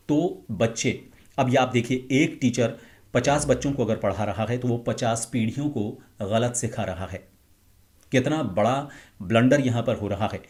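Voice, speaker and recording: A middle-aged man teaching as a speech coach. He explains calmly and now and then acts out short example lines in a raised tone. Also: mid-range voice. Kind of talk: explanatory talk to camera.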